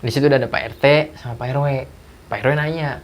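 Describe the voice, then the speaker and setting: A man's voice: mid-range voice, racing. Guy telling a spooky story in slang, acts out the voices, bit of background hiss. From Jakarta. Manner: animated retelling with acted dialogue, slangy. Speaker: guest storyteller. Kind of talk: casual ghost story telling.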